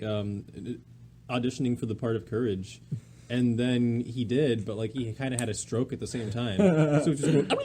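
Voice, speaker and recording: A man's voice: mid-range voice, dark tone, slight background noise. A young man co-hosting a casual podcast chat, joking and laughing a lot. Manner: goofy, laughing, absurd jokes. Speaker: podcast co-host.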